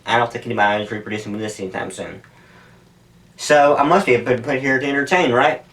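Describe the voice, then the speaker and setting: Sitting in an ice bath indoors at home, this stunt-video YouTuber rambles to camera a little fast, his mid-range voice a bit bright. He's candid and swears freely, drifting between thoughts, picked up only by distant camera audio.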